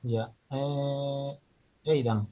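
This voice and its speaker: A man's voice: medium pitch, fairly even intonation, drawn-out words, dark tone. A male teacher on a video call, going through his students' reading mistakes point by point. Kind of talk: online reading class feedback.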